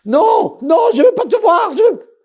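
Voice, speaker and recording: A man playing a grieving young man who shouts and refuses to see his father. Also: medium pitch, animated, moderate pace, gravelly. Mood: shouting. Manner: shouting, pleading.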